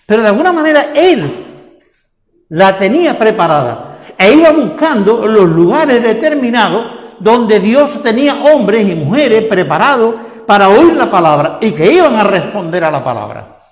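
A man's voice: high-pitched, sing-song, moderate pace. An older man with a Spanish accent from Spain, preaching a sermon and asking repeated rhetorical questions. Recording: echoey hall with long reverb.

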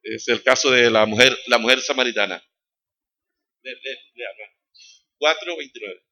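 Animated preacher, bright voice. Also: male voice, normal speed, no echo. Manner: animated, rising loud on key phrases, then dropping low; conversational, addresses congregation directly. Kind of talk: sermon.

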